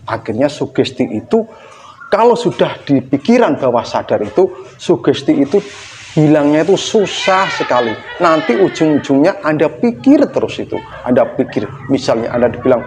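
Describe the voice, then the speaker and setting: A man's voice: on the high side, a little mellow, slight background noise. A middle-aged man casually telling a personal story, chatty and joking with frequent laughter. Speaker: vlogger sharing personal recovery story. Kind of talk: casual monologue.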